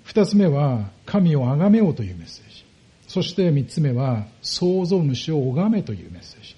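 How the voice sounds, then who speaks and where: A pastor preaching a sermon, explaining step by step and putting rhetorical questions to the congregation. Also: male voice, on the high side, very animated, normal speed, dark tone, muffled recording.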